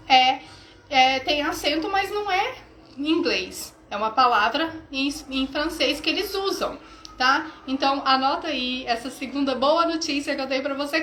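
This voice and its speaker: High-voiced, upbeat Brazilian woman teacher. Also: fairly bright tone, echoey room, slight background noise, low-quality recording. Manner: enthusiastic, chatty, laughs often. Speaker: English teacher. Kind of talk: live-streamed lesson greeting viewers.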